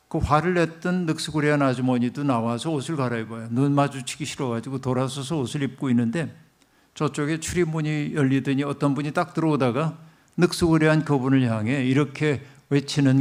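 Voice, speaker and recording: A man's voice: medium pitch, a little mellow. A middle-aged man preaching a sermon as a pastor, telling a story and speaking directly to the congregation.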